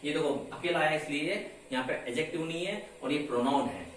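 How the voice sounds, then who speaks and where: A man's voice: fairly high pitch, fast talker, a little hiss or hum. Man teaching grammar, echoey. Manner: explains step by step, asks and answers his own questions. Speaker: English teacher. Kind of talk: classroom grammar lesson. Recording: echoey room from a distance.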